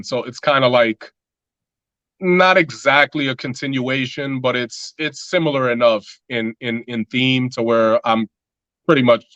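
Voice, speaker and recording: A man's voice: medium pitch, fairly bright tone, no echo, muffled recording. A man talking as a musician guest in a casual interview, loose and rambling with lots of filler words.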